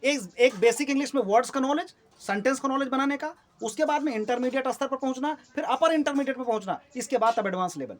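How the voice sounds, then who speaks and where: A man's voice: extremely high pitch, fast talker, few pauses. A man teaching an English lesson in Hindi. He explains sentence types step by step, often checks in with the class, and repeats key terms. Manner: says English example sentences more loudly and clearly.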